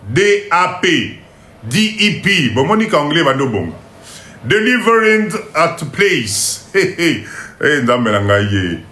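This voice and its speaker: A man giving a live class on import-export, going slowly, repeating each point, checking that everyone follows, and joking about his own English. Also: a little high, sharp tone, roomy sound. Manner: mixes in Lingala phrases and jokes about his English. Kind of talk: live online lesson.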